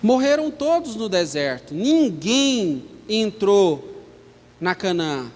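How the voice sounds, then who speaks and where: Brazilian pastor guy, really high voice, emphatic sermon, lots of "né?", long church echo. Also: big pitch swings, takes it slowly, a little mellow. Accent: Brazilian Portuguese. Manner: emphatic, asks rhetorical questions, frequent "né?".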